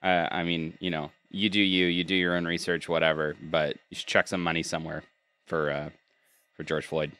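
A man's voice: sits low, level tone, moderate pace, bright, forceful tone, clear, resonant tone. A young man chatting casually and informally as a game stream host, rambling a little, close to the mic. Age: young adult. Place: small room indoors, home streaming setup. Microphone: close microphone on a boom arm.

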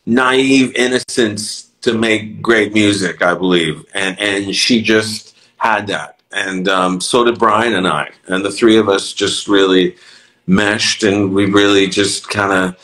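A man's voice: fairly low pitch, fairly even intonation, takes it slowly, fairly bright tone, rough recording. Reflective middle-aged man, interview guest. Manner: reflective, many restarts and "you know". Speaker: music producer and songwriter, guest. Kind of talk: casual interview conversation.

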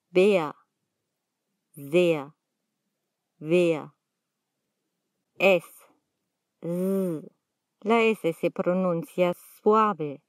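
A woman gives a pronunciation lesson, saying each letter and word on its own with long pauses between them. She speaks very slowly and carefully, in a voice a little on the low side. The sound is close and dry, with no room echo. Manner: sounds out single words and letters one at a time, with pauses. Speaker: language teacher. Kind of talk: slow, deliberate pronunciation lesson.

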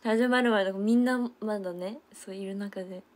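A woman's voice: mid-range voice, normal speed, darkish tone. A young woman, chatting casually and giggling on a livestream, reading out viewer comments. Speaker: idol livestreamer.

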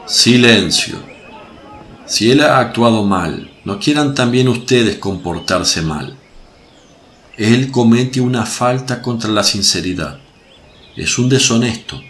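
A man's voice: mid-range voice, lively intonation, takes it slowly, a bit bright, slight background noise. An actor playing Jesus as a grave, compassionate male teacher who preaches solemnly in a religious radio drama. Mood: stern, admonishing.

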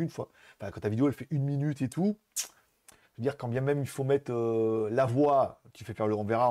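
A man's voice: on the high side, a little mellow. A man chatting casually to his viewers, rambling and swearing loosely as he talks. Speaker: YouTuber host.

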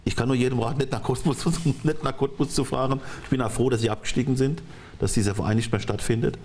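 A middle-aged man talking as a studio guest on a talk show, halting and restarting his sentences often. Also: mid-range voice, steady tone, darkish tone, slight background noise. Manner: halting, frequent restarts and repeated words. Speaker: studio guest, former football coach.

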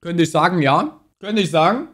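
A young man in his twenties reacting to a video on stream, talking in a loose, slangy, rambling way into a boom mic in a small room. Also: very animated, moderate pace, a bit bright. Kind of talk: casual reaction commentary. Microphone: boom mic on arm, wearing headphones.

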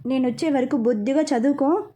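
A woman voicing a calm, dryly teasing young man in a storybook reading. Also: high-pitched, a little fast. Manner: teasing, matter-of-fact.

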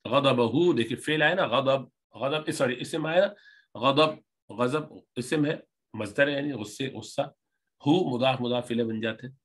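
A man teaching Arabic grammar, reading lines slowly and explaining them word by word. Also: mid-range voice. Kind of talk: grammar lesson, reading and translating Arabic text.

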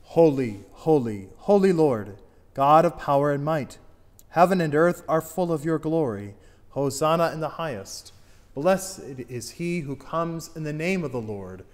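A middle-aged priest intones liturgical prayers with solemn, declamatory weight, his loudness rising and falling with the text. His fairly high male voice rings through a reverberant church sanctuary. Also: animated, measured pace. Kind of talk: chanted and spoken liturgy. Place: church altar, indoors.

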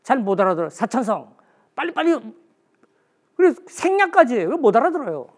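Man, history lecturer, blunt colloquial lecture, rhetorical questions, lively rising and falling pitch. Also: a little fast. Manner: poses rhetorical questions and answers them himself. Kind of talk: special lecture.

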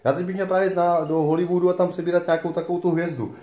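A man's voice: high-pitched, little pitch movement, dark tone, echoey room. A man in his thirties hosting a casual handheld vlog in a small hair salon, joking and drawing out his words as he films on a phone held at arm's length. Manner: playful, jokey, drawn-out phrasing. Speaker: vlog host. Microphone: phone camera at arm's length.

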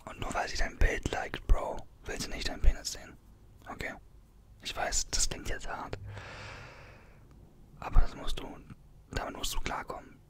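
A man in his twenties whispers in a hushed, breathy voice close to the microphone, reading aloud in ASMR style with informal, conversational asides. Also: normal speed, pauses often. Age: 20s. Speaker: ASMR creator. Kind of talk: ASMR, reading an article aloud with casual comments. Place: small bedroom. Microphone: desktop condenser microphone, close up.

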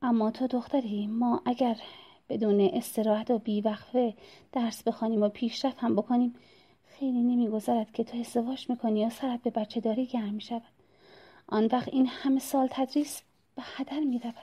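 A woman voicing a kindly older male scholar in an audiobook, speaking calmly and measured. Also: a little high, husky. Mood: earnest. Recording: dull lo-fi recording.

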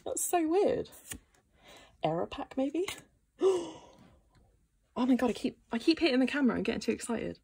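A woman's voice: high voice, sing-song, a little fast, vocal fry, darkish tone, slightly rough. A woman casually chatting as she opens trading card packs, gasping and exclaiming over what she finds. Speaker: card-opening vlogger. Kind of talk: casual unboxing chat.

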